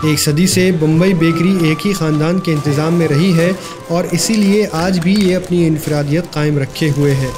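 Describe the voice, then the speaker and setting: Fairly high-voiced man narrating history. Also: fairly even intonation, over music. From Pakistan. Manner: formal, measured storytelling. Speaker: voice-over narrator. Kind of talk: scripted documentary narration.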